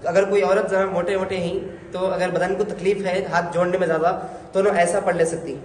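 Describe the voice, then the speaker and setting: A man's voice: high voice, flat delivery, a little fast. Male religious teacher, correcting and coaxing learners, roomy sound with faint background noise. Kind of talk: hands-on prayer instruction. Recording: echoey hall, faint noise.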